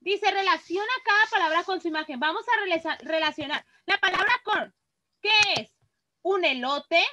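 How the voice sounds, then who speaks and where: A woman's voice: very high-pitched, pushed and bright, a little hiss or hum, low-quality recording. An adult woman teacher with a Mexican accent, leading a class for children and patiently reading words aloud one by one. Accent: Mexican Spanish. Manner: patient, reads words aloud slowly and clearly.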